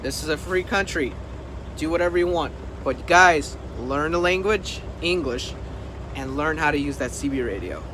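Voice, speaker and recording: A trucker who hosts videos talks casually to the camera in a vlog, his voice on the high side and expressive at a normal speed. He drives his points home emphatically, repeating them, while vehicle and outdoor noise fill the background.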